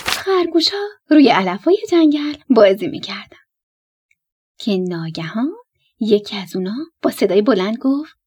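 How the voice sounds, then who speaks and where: A woman narrating a bedtime story for children in an animated, playful way. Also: medium pitch, husky. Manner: animated, playful, breaking into laughter.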